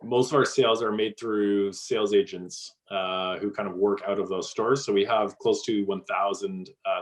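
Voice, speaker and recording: A man's voice: lowish voice, low-quality recording. A man answering interview questions about his company in a casual way, with many fillers and restarts. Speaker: guest, company co-founder.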